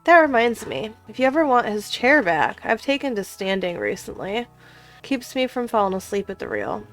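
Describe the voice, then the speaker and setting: Lady putting on a kindly old fishing guy, folksy and unhurried, game character, faint music. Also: mid-range voice, big pitch swings. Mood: wistful, gentle. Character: kindly old male fisherman, folksy and reflective.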